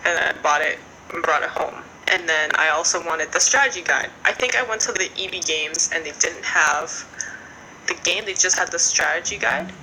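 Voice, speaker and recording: A woman's voice: lowish voice, normal speed, background noise. A woman in her twenties telling a story in casual podcast chat, rambling with lots of fillers.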